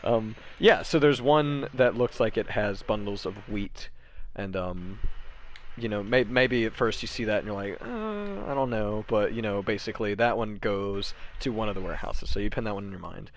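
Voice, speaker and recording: A man with a fairly low voice narrates a tabletop game as its game master. He rambles, fills pauses with ums, and laughs easily. A faint hiss sits under his voice.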